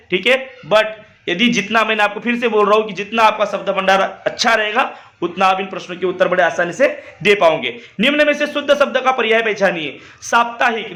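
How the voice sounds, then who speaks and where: Bright, high-voiced tutor. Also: male voice. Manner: repeats words slowly, addresses students directly. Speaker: teacher. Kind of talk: exam-prep lesson explaining spelling.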